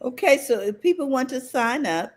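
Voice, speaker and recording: A woman's voice: high-pitched, animated, moderate pace. Woman host who laughs along. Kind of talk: casual interview chat.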